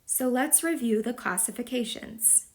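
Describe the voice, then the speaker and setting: A woman's voice: a little high, unhurried, a little mellow, a little hiss or hum. A woman teacher from Texas explaining a lesson patiently, step by step, as a voice-over for a whiteboard video. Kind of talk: slow explanatory lesson narration.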